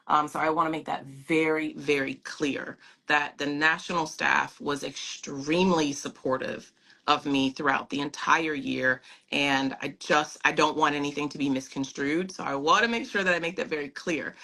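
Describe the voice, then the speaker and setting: A woman's voice: sits low, steady tone, normal speed, creaky, bright, forceful tone, poor audio. A woman guest on a video call, telling her story in an earnest, emphatic and reflective way. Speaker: pageant titleholder guest. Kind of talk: storytelling in an interview.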